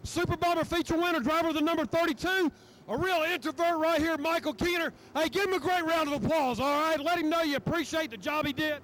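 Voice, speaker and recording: A man's voice: very high voice, fast talker, a bit bright, a little hiss or hum. A man interviewing a race winner at the track, folksy and hearty. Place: outdoor racetrack.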